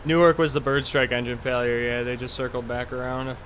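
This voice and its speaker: Brisk and offhand, a man chats casually as he streams a flight simulator, rambling with the odd mild curse. His average-pitched voice is backed by a faint, steady hum of airy, cabin-like noise.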